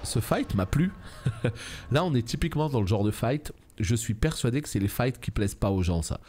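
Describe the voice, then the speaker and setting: A man streaming a video game live, excitable, swearing and laughing often, his voice jumping high when the action gets tense. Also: moderate pace. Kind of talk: live gameplay commentary.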